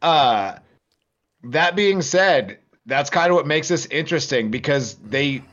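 A man's voice: a little high, lively intonation, unhurried, a bit bright, highs cut off. A man guesting on a podcast, thinking aloud in casual chat with hesitant restarts.

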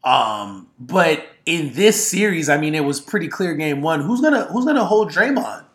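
Animated man in casual sports talk. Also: a little high, moderate pace, echoey room. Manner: animated, rising with excitement. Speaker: podcast co-host.

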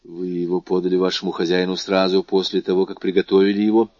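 A man voicing a grave, composed male doctor who speaks in a measured, low, sometimes hushed way. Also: flat delivery, no echo, natural voice. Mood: urgent. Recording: dull dry lo-fi recording.

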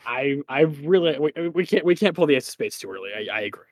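A man's voice: a little high, expressive, quick pace. A man playing a tabletop game, chatting casually with laughs and restarts. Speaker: player. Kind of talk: tabletop role-play chat.

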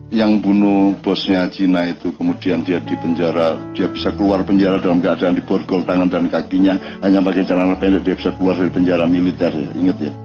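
A man with a somewhat low voice and an East Javanese accent, giving a loose, wandering religious talk full of rhetorical questions. The recording sounds dull and lo-fi, with a faint guitar playing underneath. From East Java, Indonesia. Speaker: religious speaker. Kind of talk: informal religious lecture.

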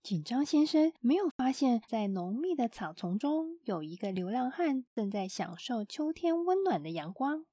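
A woman narrating a children's storybook in a gentle, expressive storytelling manner. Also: fairly high pitch, moderate pace, hardly any pauses, no room sound.

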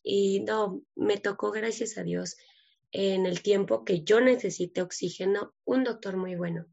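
Woman guest, earnest and emotional, gravelly voice, dull lo-fi recording. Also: mid-range voice, fairly even intonation, measured pace, darkish tone. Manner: earnest, emotional, acts out dialogue. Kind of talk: personal testimony in an interview.

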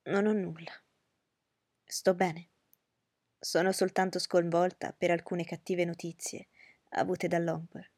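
A woman's voice: lowish voice, flat delivery, darkish tone, no room sound, studio quality. A woman voicing an anxious young woman, urgent and shaken, in a storybook reading. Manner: hurried, pleading.

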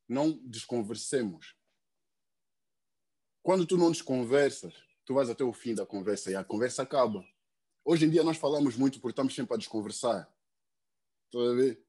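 A man's voice: mid-range voice, a little mellow, husky. A young man, talking earnestly as a podcast guest, stumbling over repeated words and tags. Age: young adult. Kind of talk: casual chat.

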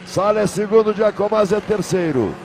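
High-pitched male motorsport commentator over loud noise. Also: lively intonation, a little fast. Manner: emphatic, repeats names and phrases. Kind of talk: live car race commentary. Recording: loud engine and trackside ambience noise.

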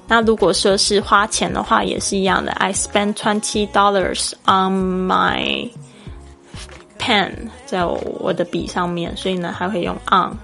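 A woman's voice: medium pitch, little pitch movement, measured pace, creaky, bright, forceful tone, faint music behind. A woman from Taiwan with a Taiwanese Mandarin accent, hosting a podcast English lesson in a chatty, explaining way and spelling words out letter by letter. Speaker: English teacher and podcast host.

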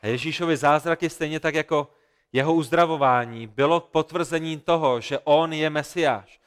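A man's voice: a little high, a bit bright, clean tone. A man preaching a sermon, retelling a scripture story with earnest, emphatic repetition. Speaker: pastor.

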